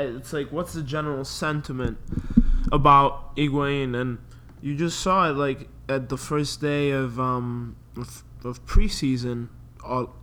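A man's voice: medium pitch, sharp tone, a little hiss or hum. A man chatting casually as a sports podcast co-host, with loose, informal phrasing full of filler words. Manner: informal, loose phrasing peppered with "like" and "you know".

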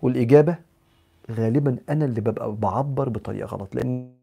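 A man's voice: mid-range voice, racing, creaky. A man with an Egyptian accent giving a live religious talk, answering questions in a conversational way, mixing in English psychology terms and acting out examples.

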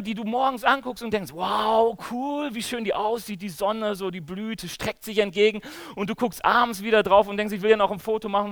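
A man with a high voice preaches a sermon in a casual, lively way and keeps turning to his listeners with direct questions. The recording is very dry, with no room sound. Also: no echo.

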